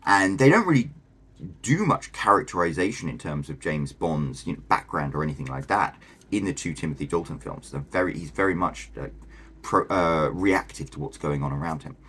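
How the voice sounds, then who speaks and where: Very deep husky man, chatty commentary. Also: lively intonation, fairly quick, fairly bright tone. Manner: chatty and enthusiastic, with many fillers. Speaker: host. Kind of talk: casual video commentary.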